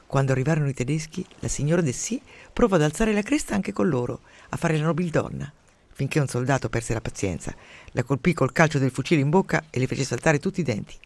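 A man narrating a story for radio in a dry, measured way. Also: a little high, animated, gravelly, no echo.

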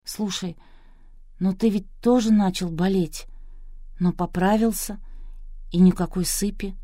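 A woman voicing a sharp-tongued woman who speaks in a quiet huffy way in an audiobook. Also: medium pitch, fairly even intonation, measured pace, no room sound, clean studio sound, voice pushed up, close to an everyday voice.

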